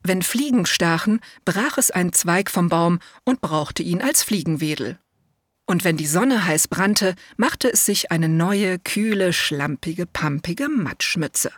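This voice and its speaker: A woman reading a children's storybook aloud, gentle and measured, as if telling it to a child. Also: fairly low pitch, expressive, no echo, studio quality.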